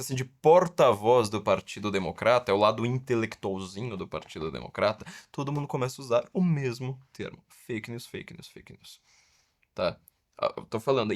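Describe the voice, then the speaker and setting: A middle-aged Brazilian man hosts a laid-back podcast, his Brazilian Portuguese accent clear in a mid-range voice. He stretches words out sarcastically and mockingly to make his points land.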